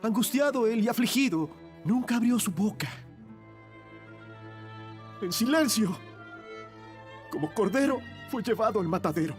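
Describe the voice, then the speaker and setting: An actor playing a dying thief on a cross, speaking a grave, intense monologue. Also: male voice, high voice, animated, measured pace, long pauses, soft background music. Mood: reflective. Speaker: narrator of a monologue. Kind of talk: dramatic film monologue, dubbed.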